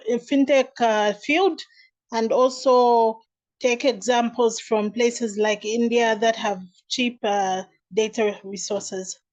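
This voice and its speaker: Zambian lady on a panel call, bit high voice, pauses a lot, dull sound. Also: a little mellow. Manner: measured, with hesitations. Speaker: panelist, digital freelancer. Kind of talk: online panel discussion. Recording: muffled online call audio.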